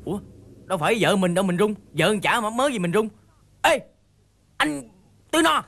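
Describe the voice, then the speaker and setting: An actor playing a sly, scheming male friend in a stage comedy, talking in fast, wheedling patter. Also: high voice, sing-song, gravelly, heavily acted. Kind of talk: stage comedy skit acting. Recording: loud backing music on stage.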